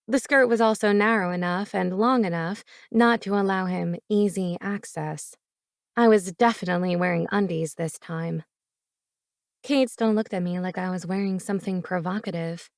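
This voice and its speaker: A woman's voice: on the low side, normal speed, dry recording, studio quality. Woman narrating a romance audiobook.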